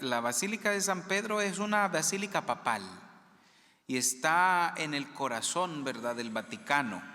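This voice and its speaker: A man's voice: mid-range voice, sharp tone. A male priest giving a homily, often asking the congregation questions and repeating their answers aloud. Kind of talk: interactive homily. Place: church. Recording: long church reverb.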